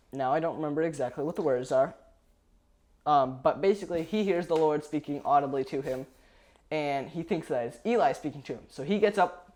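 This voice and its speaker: A man's voice: on the high side, darkish tone. A young man casually summarizes a Bible chapter on a podcast, hesitant and full of fillers and restarts. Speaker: podcast co-host.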